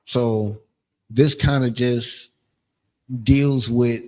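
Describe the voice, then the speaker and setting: Slow, mellow-voiced man teaching a class. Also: medium pitch, fairly even intonation. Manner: casual, halting explanations with frequent ums. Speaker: Hebrew language teacher. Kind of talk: livestreamed class lesson. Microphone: streaming setup, screen sharing.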